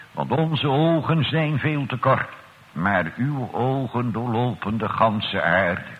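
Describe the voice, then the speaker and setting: A man leading a slow, solemn church prayer and sermon as pastor, addressing God in archaic, formal words. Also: mid-range voice. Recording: old radio broadcast, tinny, echoey church.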